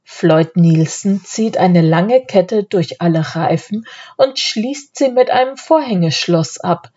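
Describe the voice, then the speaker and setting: Calm female storybook narrator, low-pitched and unhurried, mellow, slightly dull recording. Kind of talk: audiobook reading.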